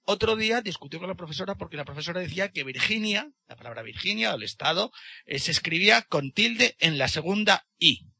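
A man's voice: high voice, expressive, brisk, gravelly, bright, forceful tone, breathy edge, dry recording. A man speaking in a discussion, indignant and hesitant, often restarting his sentences. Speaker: participant in a discussion. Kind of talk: casual debate talk.

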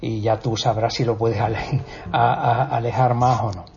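Tutorial host: a chatty man with a warm, relaxed tone, recorded lo-fi. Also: mid-range voice, moderate pace, slight background noise. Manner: chatty, explanatory, with fillers and restarts. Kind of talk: casual spoken tutorial. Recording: dull lo-fi sound with faint music.

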